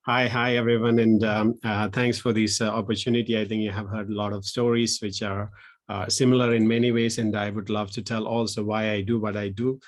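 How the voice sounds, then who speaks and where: A Sri Lankan man in his thirties, a social entrepreneur, gives an online presentation, speaking haltingly with many restarts. His pitch is fairly low and his delivery flat.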